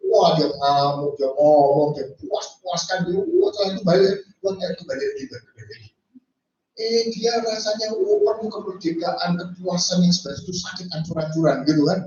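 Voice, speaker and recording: A man preaching a sermon as pastor, animated, acting out quoted speech and mixing in English phrases. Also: high voice, a little fast, hardly any pauses. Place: church. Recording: echoey church hall from far off, dull sound.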